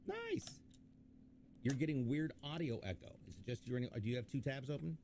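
On a casual livestream, a man builds a PC and chats jokingly, reading out questions from viewers. He talks fast in a dark-toned, mid-range voice, with a bit of hiss or hum in the recording.

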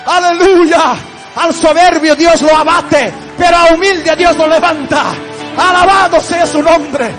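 A man preaching an altar call, pleading with listeners and then praising loudly. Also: extremely high pitch, measured pace. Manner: pleading, then exultant and shouting. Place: large church hall. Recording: reverberant hall with music and congregation.

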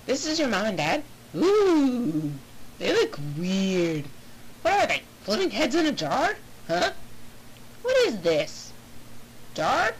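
A woman voicing a brash, flippant young hero in an amateur cartoon, with very slow delivery and a faint hiss behind. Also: fairly high pitch, wildly swooping pitch, heavily acted, poor audio. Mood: curious. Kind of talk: amateur animated video voice acting.

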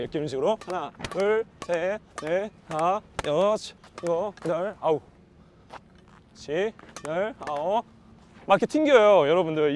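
A man's voice: sits high, a little hiss or hum. A man teaching badminton defense, explaining and counting his strokes aloud while he hits against a wall. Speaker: badminton coach. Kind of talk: instructional demo while practicing.

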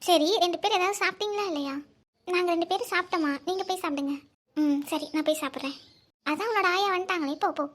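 A woman's voice: very high-pitched, a bit bright. A woman voicing a bossy, teasing young big sister in a cartoon. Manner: brisk and teasing. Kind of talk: cartoon voice acting.

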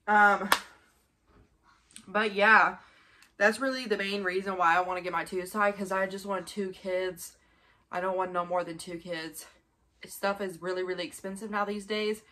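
In a small bedroom indoors, a twenty-five-year-old vlogger films a mukbang, chatting in a rambling, informal way to a camera just in front of her and often repeating herself. Her voice is mid-range, pushed, and bright, at a moderate pace.

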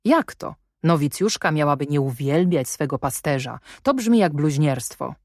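A woman reading an audiobook, voicing a stern and commanding gentleman who speaks in a probing, sardonic way. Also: sits low, animated, moderate pace, no echo, studio quality.

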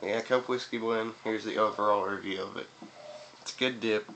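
In a small indoor room next to a window, a young video reviewer casually rambles to camera, swearing, with chewing tobacco in his mouth. His voice is on the low side and a bit bright, with fairly even intonation and a normal speed. The webcam-style recording picks up room noise.

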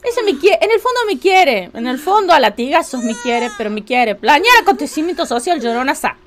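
An Argentine woman streaming a game from home, chatting with viewers in a casual way and bursting into loud excited exclamations. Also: high-pitched, a little fast, a little hiss or hum. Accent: Argentine Spanish. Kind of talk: casual live-stream chat while playing.

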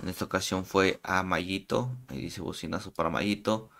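A man's voice: deep voice, moderate pace, gravelly. A man giving casual commentary for his YouTube channel, talking loosely with frequent hesitations. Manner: relaxed, hesitant with frequent "eh" fillers. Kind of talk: casual reality-show commentary.

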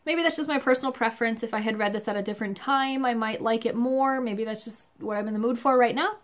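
A woman's voice: on the high side, fast talker. A woman in her thirties chatting casually through a book review in a conversational, musing way at home. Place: small home room, indoors.

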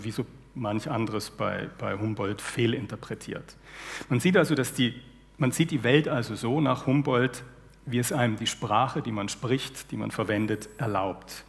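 A German-born literary translator in his forties speaks on a stage panel through a headset mic, explaining his ideas in a thoughtful, lecture-like manner laced with dry irony. His voice is medium in pitch and creaky. The recording carries a long hall reverb.

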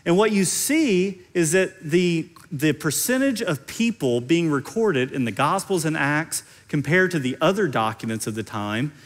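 A middle-aged preacher from central Kentucky, United States, with the region's accent, delivers a teaching sermon on a large indoor stage, explaining conversationally and repeating phrases for emphasis. His voice is a little high with lively intonation, his pace a little slow with few pauses.

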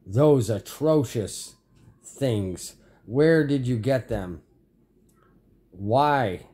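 A man's voice: medium pitch, expressive, extremely slow, warm tone. A man reading a story aloud, voicing a stern, scolding elderly grandmother. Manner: scolding, indignant.

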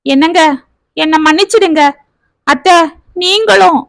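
Brief: impulsive young wife, heartfelt and quick, high bright voice, a woman reading it. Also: dry recording. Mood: sobbing remorse. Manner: pleading, tearful then eager.

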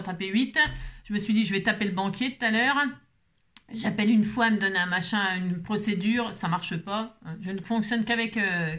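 A middle-aged woman hosting a crafting channel, telling stories in a casual, lively way with lots of fillers. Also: medium pitch. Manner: lively, animated storyteller with many fillers. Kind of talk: casual chatty vlog storytelling.

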